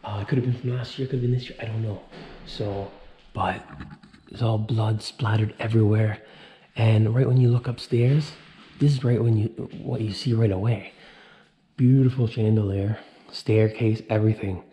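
A man's voice: fairly low pitch, fairly even intonation, normal speed, dark tone, slight background noise. A man in his thirties vlogging a walkthrough of an empty mansion, filming himself with a handheld camera at arm's length and thinking aloud with awed exclamations. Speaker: urban explorer vlogger. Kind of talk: casual walkthrough vlog. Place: large empty indoor mansion rooms. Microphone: handheld action camera at arm's length.

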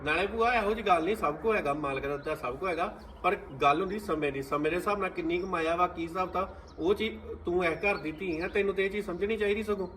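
A man's voice: high voice, fast, few pauses, a bit bright, a little hiss or hum. An actor playing a young nephew who speaks to his aunt in a hurt, reproachful way, with a Punjabi accent. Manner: reproachful, pleading. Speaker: actor in a family drama. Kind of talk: scripted short film acting.

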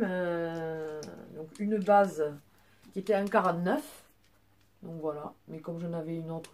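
Brief: young woman vlogger, low mellow voice, rambling chatty show-and-tell at home. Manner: chatty, many fillers and restarts, apologizes for her English. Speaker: beauty vlogger. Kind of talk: casual product show-and-tell.

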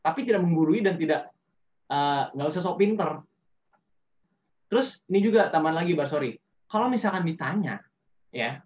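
A man giving casual, slangy advice on a webinar. He acts out sample answers as he talks. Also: a little high. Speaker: webinar speaker. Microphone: video call. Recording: dull lo-fi call audio.

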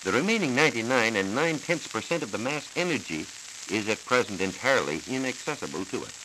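With a mid-range voice and lively intonation, this American science reporter explains scripted material formally and methodically for 1940s educational radio. He's in a radio studio, and the recording is on a hissy, old transcription disc.

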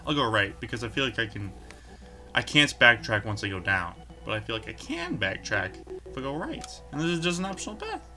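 A man's voice: mid-range voice, very animated, brisk, pushed and bright. A man hosting a casual let's play, commenting on his game in a goofy, jokey, self-mocking way at a desk microphone. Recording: game music playing underneath.

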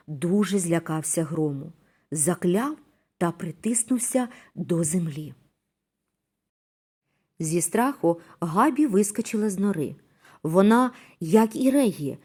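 A woman narrating a children's story in a gentle, expressive reading voice. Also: lowish voice, husky.

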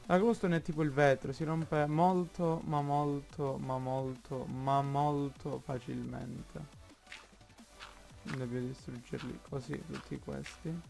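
A man with an Italian accent commenting on his own Minecraft play, slow and halting, thinking aloud with many fillers. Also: mid-range voice, flat delivery, gravelly, a little mellow, faint music behind. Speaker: gaming YouTuber.

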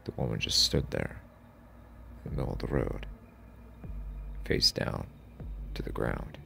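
Very deep gravelly male horror storyteller. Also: lively intonation, faint music behind. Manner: halting, drops to a hushed whisper. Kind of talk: first-person horror story narration.

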